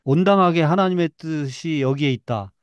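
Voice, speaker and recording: A middle-aged man teaching a Bible class, retelling scripture in a lively way and acting out the people's complaints. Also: a little high, normal speed, clear, resonant tone, no room sound, dull audio.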